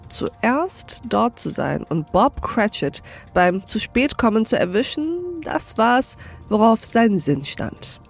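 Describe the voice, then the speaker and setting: A woman reading a classic novel aloud as narrator, calm and measured. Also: on the high side.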